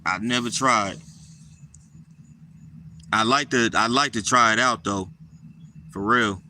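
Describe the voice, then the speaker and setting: A man casually talking to his live chat viewers, relaxed and repetitive, answering people by name. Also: on the low side, slow, slight background noise. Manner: laid-back, repeats himself, answers viewers by name.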